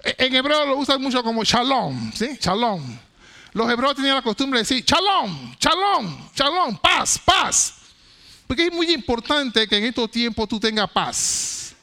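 A man delivers a sermon in a very high, piercingly bright voice with a gravelly edge. He stresses his points emphatically, rising to loud declarations and then dropping to hushed, low phrases, and he often repeats words and restarts his sentences. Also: sing-song, normal speed. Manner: repetitive, stammering restarts. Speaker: preacher.

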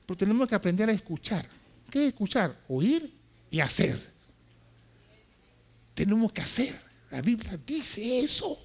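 A man preaching an impassioned sermon as pastor, shouting lines and then dropping to quiet asides, repeating phrases for emphasis. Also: sits high, breathy edge.

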